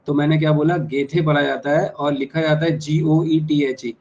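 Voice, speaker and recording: With a slightly high voice and an even, flat delivery, a man tutors students through English exam answers. Key terms get slow repetition and words are spelled letter by letter, captured in muffled lo-fi audio with a faint hiss.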